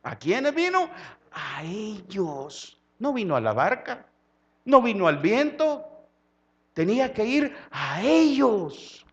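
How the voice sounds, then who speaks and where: High-voiced Salvadoran preacher, fervent. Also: male voice, very animated, takes it slowly, muffled recording. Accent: Salvadoran Spanish. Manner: swings from quiet low tones to loud impassioned preaching. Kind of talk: sermon.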